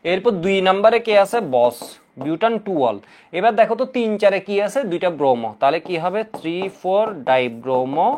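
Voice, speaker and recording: Lively quizzing male chemistry teacher. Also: high voice, brisk, slight background noise. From Bangladesh. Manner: lively, coaxing, asks students questions and answers them himself; repeats key rules in drilling chants. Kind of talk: exam-prep lecture.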